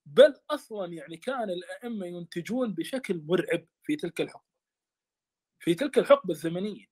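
A man's voice: high voice, animated, fast, a little mellow. A man teaching a study lesson on a classical text, speaking with passion and often stammering and repeating words.

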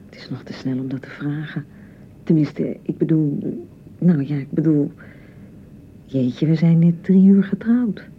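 In a muffled radio broadcast full of rumbling noise, a female voice plays a nervous, flustered young Dutch bride, speaking at a measured pace with a Netherlands Dutch accent. Her delivery is hesitant and rambling, and she keeps correcting herself, as suits naturalistic radio-play dialogue.

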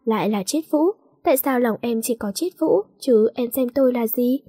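A woman's voice: a little high, normal speed, mellow, breathy edge. A woman voicing a heartbroken young man in a storybook reading, pleading and bitter by turns.

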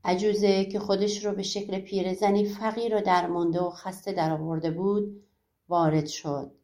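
A woman narrating a folk tale audiobook in a measured storytelling voice. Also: medium pitch, warm tone.

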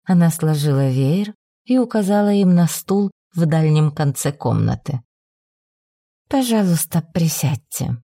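A woman reading a novel aloud as an audiobook narrator, measured and expressive. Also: deep voice, no room sound, clean studio sound.

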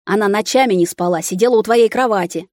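A woman's voice: medium pitch, fast talker, darkish tone, no echo, natural voice. Lady doing a stern dad, indignant, scolding, dry audiobook sound. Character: stern middle-aged father, indignant.

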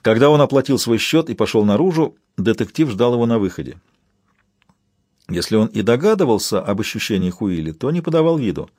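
Male audiobook narrator, husky voice, dry close studio sound, wry delivery. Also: mid-range voice, big pitch swings, brisk, a little mellow, no echo.

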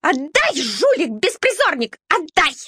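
A woman voicing a nervous, spiteful old female lapdog with a shrill squealing voice in a storybook reading. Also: huge pitch swings, a little slow, no room sound, clean studio sound, exaggerated voice. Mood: shrieking. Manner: hysterical shouting.

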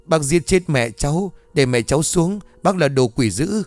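A man's voice: lively intonation, unhurried, soft background music, close to an everyday voice. A man voicing a small grieving village boy who sobs and curses in anger. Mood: tearful fury. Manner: shrill, sobbing, cursing.

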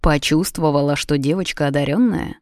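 A woman reads a novel aloud with even, measured storytelling. Her voice is low, and the recording is dry and close with no room sound. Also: no echo. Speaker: audiobook narrator. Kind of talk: scripted narration.

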